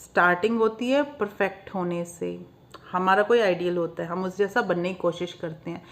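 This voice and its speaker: A woman's voice: lowish voice, normal speed. Blunt young Haryanvi woman vlogger. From Haryana, India. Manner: blunt and outspoken, mixing Hindi with English words and laughing at her own jabs. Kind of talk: casual monologue to camera.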